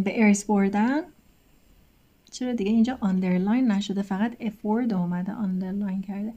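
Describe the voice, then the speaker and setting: A woman with a Persian accent, teaching English vocabulary in a casual lesson. She goes slowly and carefully and reads the English examples word by word. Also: fairly high pitch, dark tone. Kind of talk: casual lesson talk, translating words one by one.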